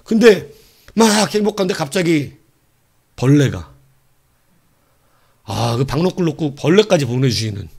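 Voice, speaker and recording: A middle-aged pastor delivers a sermon with a slightly high, very lively voice that leaps and falls. He tells the story playfully, with laughter and sudden hushed asides. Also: a little slow, gravelly, long pauses, husky.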